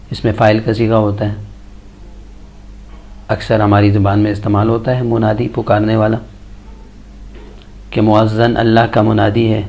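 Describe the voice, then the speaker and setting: A man recites Arabic verb tables in a low, gravelly voice. His delivery is flat and even, one form after another, like a patient classroom drill. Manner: chants verb conjugation tables in steady measured lists. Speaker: Quran and Arabic grammar teacher. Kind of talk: slow recited grammar lesson.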